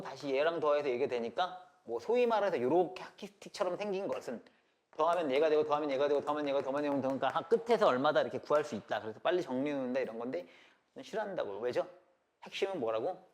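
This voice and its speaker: Brisk math teacher quizzing his class. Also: on the high side. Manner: rhetorical questions, checking understanding; blunt and casual with students. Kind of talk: classroom lecture.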